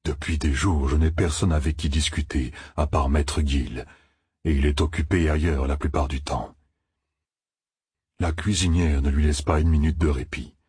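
Guy reading as a big gentle ogier, super deep and husky, dry close sound. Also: fairly even intonation, moderate pace, no room sound, exaggerated voice. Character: gentle, patient giant male Ogier, very tall. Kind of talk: audiobook character reading.

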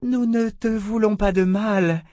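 A male narrator putting on a high, stern sister of a magic order, grave and insistent. She speaks with cool authority in a dry, close storybook reading, her pitch lifted well above the reader's own. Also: fairly even intonation, slow, mellow, dry recording. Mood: solemn, placating.

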